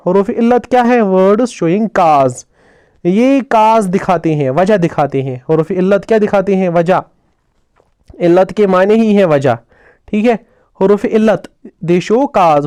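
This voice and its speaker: High, clear-voiced male teacher. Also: darkish tone, no echo, clean studio sound. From Jammu and Kashmir. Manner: asks questions and answers them himself; mixes English terms into explanations. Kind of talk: exam-focused grammar lesson.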